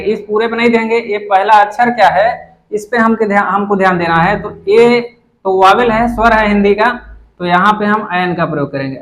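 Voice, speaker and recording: A man's voice: high-pitched, fairly bright tone, rough recording. A man teaching English grammar in Hindi-language lessons, explaining step by step and answering his own questions as he goes.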